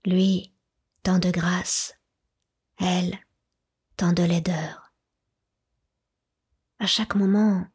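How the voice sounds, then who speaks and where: Breathy woman narrating a classic novel. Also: fairly low pitch. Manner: soft, measured, often slipping into a whisper. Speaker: audiobook narrator. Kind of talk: literary audiobook narration.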